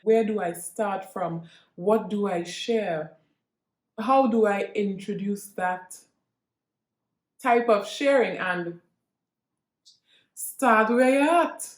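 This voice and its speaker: Speaking slowly with long pauses and a medium-pitched voice, this Trinidadian vlogger delivers an earnest, reflective monologue to her viewers. She frequently restarts and repeats phrases while collecting her thoughts, and the room echoes.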